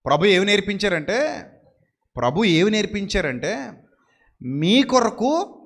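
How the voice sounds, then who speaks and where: A man preaching a sermon who keeps asking his listeners rhetorical questions and slows down sharply to stress scripture phrases. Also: high voice, a bit bright.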